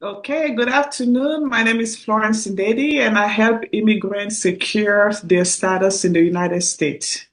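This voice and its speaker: A woman from Cameroon, an immigration attorney guesting on a radio interview, friendly and quick to laugh. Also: mid-range voice.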